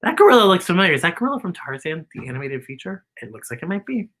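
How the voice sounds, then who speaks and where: With a lowish, slightly bright voice, a woman rattles off a children's story time at rapid-fire speed, very animated. She's playful, theatrical and full of exclamations, mixing campy drag-style sass with little bursts of song.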